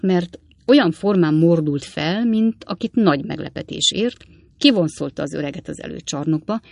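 Low-voiced woman reading an audiobook, measured and steady, dry close sound. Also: no room sound. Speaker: audiobook narrator. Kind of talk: audiobook narration.

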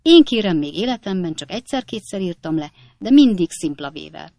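A woman's voice: fairly low pitch, big pitch swings, creaky, mellow, no echo. A woman playing a cheeky, easygoing young manservant. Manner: cool, good-humoured, quick-witted replies.

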